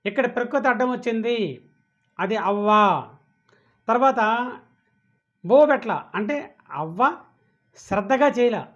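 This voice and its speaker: A man giving a spiritual discourse, asking questions and answering them himself. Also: high-pitched. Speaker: spiritual teacher. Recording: dull lo-fi audio.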